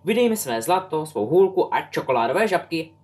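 A man's voice: a little high, big pitch swings, darkish tone, voice pushed up. A man voicing a young woman in her twenties, an eager, talkative and tactless witch. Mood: playful.

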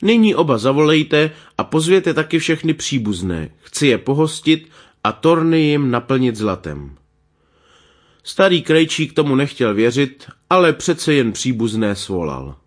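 A man reading a fairy tale aloud, giving the characters small changes of voice. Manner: lively, voices characters with small pitch shifts. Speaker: storyteller.

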